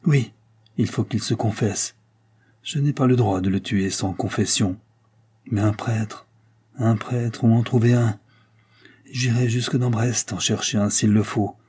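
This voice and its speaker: A man's voice: lowish voice, steady tone, measured pace, pauses often, mellow, breathy edge. A man voicing a stubborn, grim Breton servant with a grave, menacing manner.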